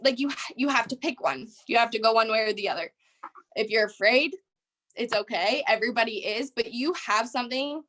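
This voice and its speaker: A young woman with a slightly high voice leads a team training call in a casual, upbeat pep talk. She rambles and fills her sentences with "like" and "um". Her voice comes through a video call mic. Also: a bit bright. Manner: rambling, chatty, heavy on "like" and "um".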